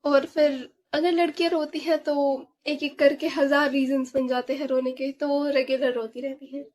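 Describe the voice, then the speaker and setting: A young woman with a high voice tells a story from her own life in a casual vlog. She talks in an animated way, mixes in English words and fills pauses with small sounds. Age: young adult. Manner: animated, mixes Hindi and English, many fillers. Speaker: vlogger.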